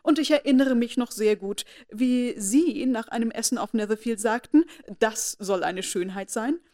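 A woman's voice: on the high side, normal speed, darkish tone, lightly acted. A woman reading aloud, voicing a jealous, spiteful young society lady who needles and belittles. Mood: needling. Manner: snide, needling.

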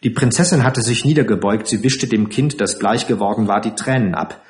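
A man reading a literary story aloud in an expressive way. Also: lowish voice, brisk, echoey room. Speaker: reader. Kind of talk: audiobook narration.

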